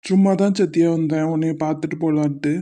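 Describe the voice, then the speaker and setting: A reserved young man in a homemade cartoon, voiced by a woman, calm and caring. The voice sits low and mellow, recorded dry with no room sound. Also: quick pace, dry recording, natural voice. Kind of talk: amateur cartoon voice acting.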